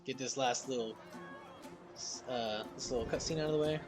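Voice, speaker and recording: A man's voice: medium pitch, normal speed. Male gaming commentator: mid-range voice, casual and slangy, talking to viewers over light background music. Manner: informal, slangy, addressing viewers. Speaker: video game streamer.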